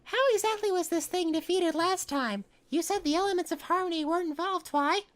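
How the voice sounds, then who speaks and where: A brash, sporty pegasus pony girl, as a man puts her on for a read-aloud pony story. The voice is pushed way up into a thin, squeaky falsetto, loud and blunt. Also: a little fast. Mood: puzzled.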